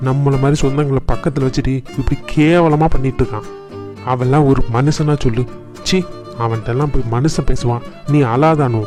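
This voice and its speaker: A man voicing a quick-tempered grown man in a family cartoon who scolds his brother heatedly. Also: mid-range voice, steady tone, music in the background, natural voice. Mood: consoling, bitter. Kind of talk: cartoon voice acting.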